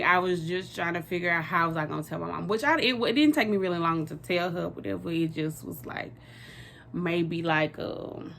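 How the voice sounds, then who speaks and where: A woman's voice: on the low side, vocal fry, pushed and bright, slight background noise. A young woman, telling a personal story in a rambling, casual way with lots of fillers.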